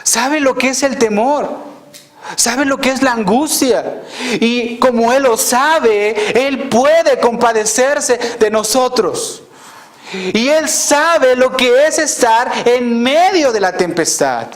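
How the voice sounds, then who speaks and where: Male pastor, sermon; high pitch, slow and deliberate, earnest with rhetorical questions and soft hushed stresses. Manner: drops to a soft hush on key phrases.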